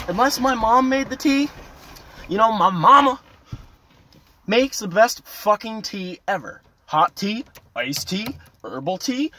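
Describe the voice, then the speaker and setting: A young man ranting to camera in a casual, foul-mouthed vlog, loud and animated, veering between yelling and muttering, parked at a roadside turnout. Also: sits high, slight background noise. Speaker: vlogger. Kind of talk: casual profane rant to camera.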